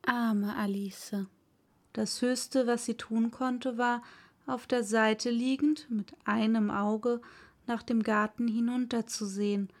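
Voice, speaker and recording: A woman hosting a fairy tale podcast, reading a story aloud in a soft, gentle, partly whispered voice. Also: on the high side, steady tone, slow pace. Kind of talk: bedtime storytelling.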